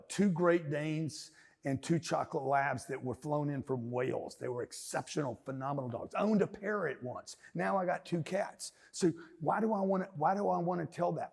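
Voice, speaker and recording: A high-pitched Southern man from Louisiana, in his fifties, works a seminar crowd as a business mentor. His delivery is loud, emphatic and rambling, with jokes thrown in. A long reverb trails his words through a large hall. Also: creaky. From Louisiana, USA. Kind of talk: live seminar talk.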